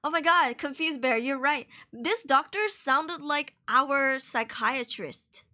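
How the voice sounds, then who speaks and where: A young VTuber streams a horror game, chatty and jumpy, swearing and laughing, and sniffly with a cold. Her voice is high-pitched and sharp, and she speaks at a slow pace.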